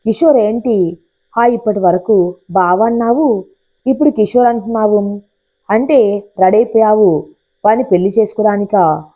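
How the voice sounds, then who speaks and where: A woman's voice: mid-range voice, moderate pace, long pauses, muffled recording, lightly acted. Woman voicing a jealous hot-tempered young man. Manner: angry, forceful outbursts.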